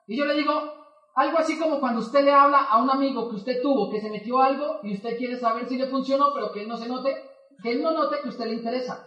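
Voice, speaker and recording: A man's voice: very high voice, quick pace, highs cut off. A man, telling a story to an audience as a motivational speaker and acting out the dialogue in it. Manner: lively, acts out dialogue in quotes. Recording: echoey hall, mic from far off.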